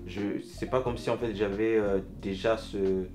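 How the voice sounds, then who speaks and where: A man from Togo, a guest musician, talking casually and hesitantly, often pausing with fillers. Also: on the low side, level tone, a little mellow, faint music behind. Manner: hesitant, fills with "euh" and "tu vois". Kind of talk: casual interview chat.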